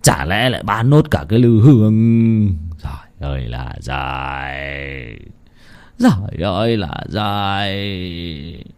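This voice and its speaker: Drunk, sullen lout for a spoken ghost story, low gruff muttering, voiced by the male narrator. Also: slow, darkish tone. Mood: drunken muttering. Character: drunk, greedy middle-aged man, gruff and sullen.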